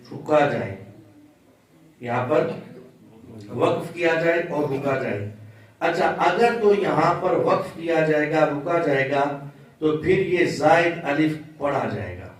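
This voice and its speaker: A man teaching Quran recitation in a patient, step-by-step way, chanting example words slowly. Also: a little high, very echoey, far from the mic, low-quality recording. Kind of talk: slow religious lesson with chanted examples.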